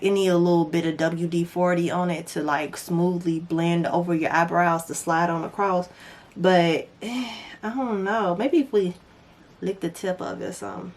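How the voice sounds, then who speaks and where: A woman's voice: lowish voice, a bit bright. A young woman talking through a makeup tutorial in a casual, chatty way, with playful asides to her viewers. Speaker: beauty vlogger.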